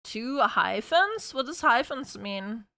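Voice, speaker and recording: A woman streamer chatting casually with her live viewers, bubbly and talkative, now and then calling out loudly. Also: fairly high pitch, sing-song, slow pace, vocal fry. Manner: bubbly, chatty with viewers, bursts of shouting and laughing.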